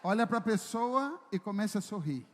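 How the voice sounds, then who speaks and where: A man preaching a sermon as pastor, joking with the congregation and rising into loud, emphatic preaching. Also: high voice, lively intonation, normal speed. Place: church. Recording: echoey church hall.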